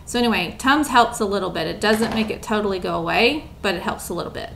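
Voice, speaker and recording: A woman's voice: mid-range voice, fast talker, gravelly, a bit bright, slight background noise. Chatty breathless young woman vlogging. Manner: chatty, rambling, lots of ums. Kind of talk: casual chat to camera.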